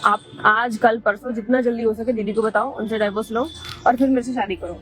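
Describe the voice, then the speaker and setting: A woman's voice: fairly high pitch, steady tone, brisk, natural voice. A young woman acting a scheming younger sister who pushes her sister's husband to marry her and threatens to frame him. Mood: pleading. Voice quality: sharp, quarrelsome. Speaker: actor in a short skit. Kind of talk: scripted family drama skit.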